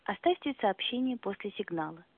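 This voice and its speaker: A woman's recorded answering machine message, giving formal, measured instructions as an automated phone prompt. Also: medium pitch, lively intonation, dry recording. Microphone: heard through a telephone receiver. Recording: tinny phone line.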